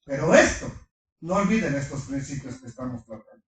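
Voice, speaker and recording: A middle-aged man preaching a sermon to his congregation, animated, firing rhetorical questions and slipping in humorous asides. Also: medium pitch, brisk. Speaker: pastor. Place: large congregation hall. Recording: echoey hall from far off.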